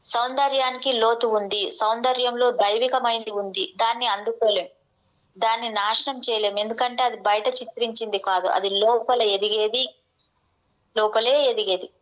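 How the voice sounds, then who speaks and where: A woman reading a translated spiritual discourse as steady scripted narration, with an occasional restart. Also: a little high, moderate pace, lo-fi sound.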